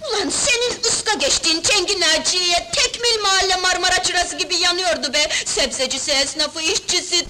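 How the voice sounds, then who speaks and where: A brash, high-voiced street girl. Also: normal speed, hardly any pauses. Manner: loud, brash, slangy, teasing. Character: brash streetwise young woman, bold, pushy. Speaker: newly married wife in a film. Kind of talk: 1970s film dialogue. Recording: noisy old film soundtrack.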